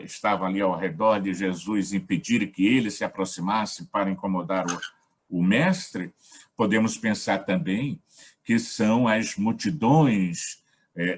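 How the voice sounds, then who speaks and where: A man with a Brazilian accent facilitating a gospel study, talking in a measured, reflective way in short phrases. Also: lowish voice, slightly rough. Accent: Brazilian Portuguese. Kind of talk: reflective spiritual talk.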